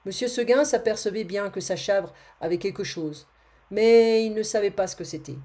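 Female narrator for a storybook reading, expressive, mellow, warm tone, some self-corrections. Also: medium pitch, normal speed. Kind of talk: reading a classic tale aloud.

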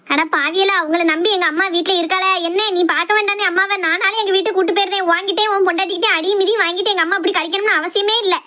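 A woman playing a shrill accusing Kanyakumari sister-in-law. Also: fairly even intonation, rapid-fire, hardly any pauses, sharp tone, lo-fi sound, slight background noise. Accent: Kanyakumari Tamil. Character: sharp-tongued young sister-in-law, loud and accusing. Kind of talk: family comedy skit.

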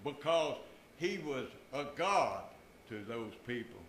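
A man's voice: medium pitch, sing-song, takes it slowly, a little hiss or hum. An older man preaching a sermon from a church pulpit, with emphatic rises and drops in his voice. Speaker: pastor. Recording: echoey church room.

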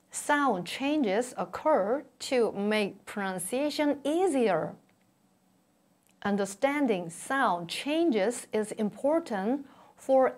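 A middle-aged woman teaching a scripted language lesson, enunciating deliberately. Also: on the high side. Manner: slow, deliberate enunciation with repeated model words.

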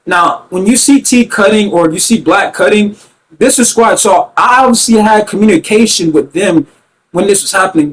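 A young man giving emphatic, ranting commentary on his own basketball video game play, repeating himself and getting loud at big plays. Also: sits high, low-quality recording. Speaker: gaming YouTuber commentating his own gameplay.

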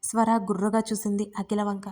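A woman narrating her own romance serial as a storyteller, in a steady, expressive reading. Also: medium pitch, a little fast. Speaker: storyteller and writer. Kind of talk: scripted romance audiobook narration.

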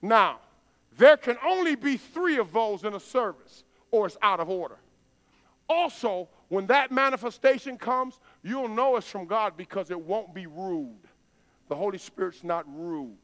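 A middle-aged man preaching in a church, chatty and plain, then building to loud, emphatic outbursts. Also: high voice, expressive, unhurried. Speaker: pastor. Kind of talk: sermon. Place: church sanctuary stage.

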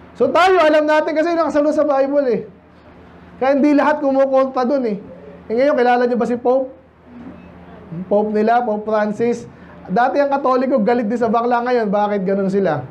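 A Filipino man preaching a blunt, scolding sermon in a church, switching between Tagalog and English and slowing down to quote scripture. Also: very high voice, darkish tone, dull audio, a little hiss or hum. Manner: blunt, scolding, asks the congregation frequent questions. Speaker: pastor.

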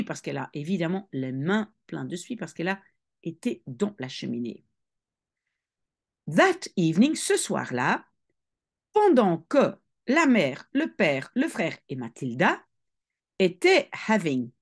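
A woman teaches a language lesson by reading a novel aloud and translating it. She speaks slowly, with a lively, rising and falling pitch. She explains patiently and now and then clears her throat. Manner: patient explaining, switching between English reading and French explanation.

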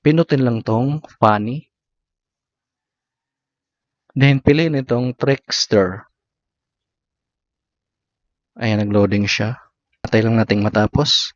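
A tutorial host with a Filipino accent narrates an app walkthrough step by step in short instructional phrases, taking it slowly and pausing often. His voice is medium-pitched, with no echo, on a slightly dull lo-fi recording.

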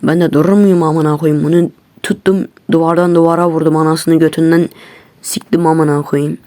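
A man's voice: fairly high pitch, little pitch movement, normal speed, darkish tone, no echo. A man ranting at his viewers in an agitated, heavily profane way, talking from his computer. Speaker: YouTuber. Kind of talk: angry casual rant to viewers.

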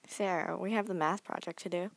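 Woman as husky, deadpan teen girl. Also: lowish voice, fairly quick, dry recording. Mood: exasperated. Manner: deadpan, dry. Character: deadpan, sarcastic, weary teenage girl. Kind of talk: acted cartoon dialogue.

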